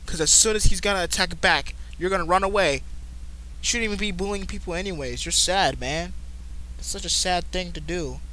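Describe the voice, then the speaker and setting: Excitable, foul-mouthed male game commentator. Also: high voice, brisk, rough recording. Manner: profane, excitable, reads game text aloud. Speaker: gaming channel host. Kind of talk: let's play commentary. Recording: loud background noise.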